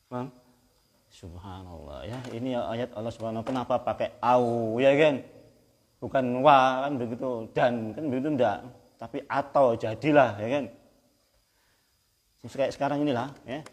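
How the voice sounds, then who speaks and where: Male preacher, mid pitch, chatty lecture style, slow chanted verses, long hall reverb. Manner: conversational, checks in with listeners often; chants Arabic verses slowly. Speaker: Islamic preacher. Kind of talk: Quranic exegesis lecture.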